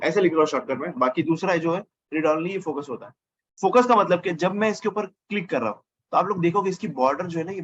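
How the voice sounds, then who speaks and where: A man's voice: fairly high pitch, fairly bright tone, husky, dull audio. A man teaching a casual coding lesson over his screen, thinking aloud and correcting himself as he goes. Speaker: programming teacher.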